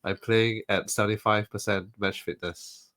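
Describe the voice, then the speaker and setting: A man with a fairly low voice, stuffy and nasal from a flu. He co-hosts a podcast in a relaxed, casual way, chuckling now and then and reeling off numbers in an orderly run. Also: normal speed. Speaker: podcast co-host. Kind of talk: casual chat.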